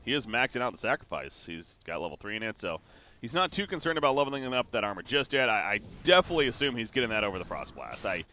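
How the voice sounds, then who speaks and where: Bright, lively male game caster. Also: mid-range voice, a little hiss or hum. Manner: quick, excitable play-by-play with frequent fillers. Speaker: esports caster. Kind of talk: live game commentary.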